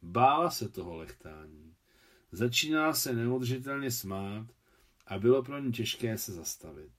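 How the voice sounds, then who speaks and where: A man narrating a novel as an audiobook. His mid-pitched voice keeps a measured, steady pace, and he tells the story in an even way. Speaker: audiobook reader, translator.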